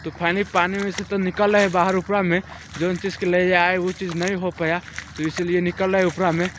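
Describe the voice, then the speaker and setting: A young man chats his way through a casual vlog, filming himself on a phone held at arm's length. His voice sits a little high and comes across bright and forward. Faint outdoor noise runs underneath. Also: little pitch movement, brisk. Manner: chatty, walking narration to a handheld camera. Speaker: vlogger. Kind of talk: casual village vlog narration. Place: outdoors in a foggy village field. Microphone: phone camera held at arm's length.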